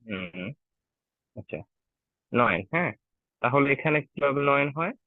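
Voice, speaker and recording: A man's voice: medium pitch, expressive, unhurried, no echo. Man teaching German numbers over a tinny call. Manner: patient, asks learners "ঠিক আছে?" often. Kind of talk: online language class. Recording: tinny, dry online call audio.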